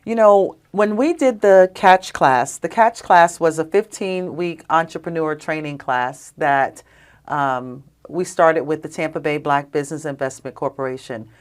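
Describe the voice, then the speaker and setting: A woman, a guest on a podcast, telling personal stories in an animated, emphatic, conversational way. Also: low voice, a little slow. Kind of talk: conversational storytelling.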